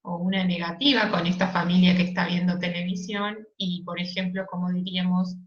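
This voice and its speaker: A woman teaching an English lesson, explaining slowly and patiently and checking in often with "yes?" and "ok?". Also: lowish voice, flat delivery, highs cut off. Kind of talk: recorded online lesson.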